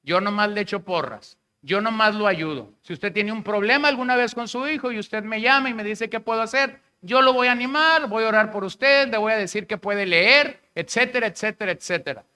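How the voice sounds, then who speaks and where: A man's voice: high-pitched, brisk, few pauses, pushed and bright, clear, resonant tone. A man with a Mexican Spanish accent preaching a sermon as pastor, in a conversational way, acting out the words of the people he quotes.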